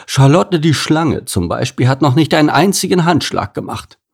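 Man voicing a storybook horse, high, gravelly, indignant, agreeable. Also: very animated, normal speed, full character voice. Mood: agreeing. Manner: eagerly agreeing. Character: indignant male Arabian stallion, agreeable sidekick.

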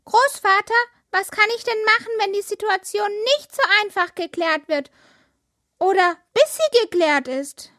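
A woman's voice: extremely high pitch, a little slow, dry recording, clean studio sound, exaggerated voice. A woman playing a spirited little girl woodworm. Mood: earnest. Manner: lively, indignant, childlike. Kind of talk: children's audio drama.

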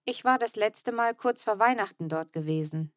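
A woman's voice: mid-range voice, expressive, moderate pace, dry recording, studio quality. A woman narrating a children's book in the first person, telling the story evenly and tenderly. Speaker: audiobook narrator.

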